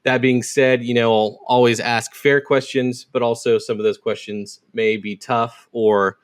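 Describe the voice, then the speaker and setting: A man hosting a podcast, chatting casually with a guest. His pitch sits in an ordinary middle range. Now and then he rattles off quoted posts quickly, with small fillers between. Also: flat delivery, clean tone. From United States. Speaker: podcast host.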